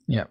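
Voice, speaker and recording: Hoarse and still coughing as he recovers, a man chats casually on his nighttime game-dev livestream from a home room, right up on a close mic. His husky, deeper-than-usual voice moves slowly through his code, full of fillers as he thinks aloud.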